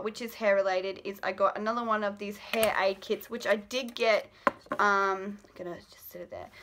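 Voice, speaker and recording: Rambling with plenty of ums, an Australian woman in her late twenties vlogs casually from her bedroom about a product haul. Her medium-pitched voice is pushed and bright, caught on a built-in camera mic held at arm's length, with a little hiss or hum.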